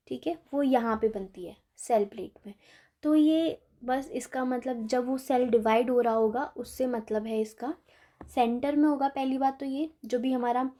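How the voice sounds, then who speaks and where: A woman biology teacher giving an exam-prep lecture, explaining in Hindi, reading English textbook lines slowly and often checking in with listeners. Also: sits high, warm tone. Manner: checks in often with "theek hai".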